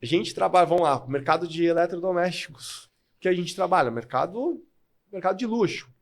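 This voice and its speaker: A man's voice: high-pitched, expressive, brisk. Emphatic man with a São Paulo accent. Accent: São Paulo Brazilian Portuguese. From São Paulo, Brazil. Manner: emphatic, lays out points step by step. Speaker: guest, sales manager. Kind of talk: podcast interview.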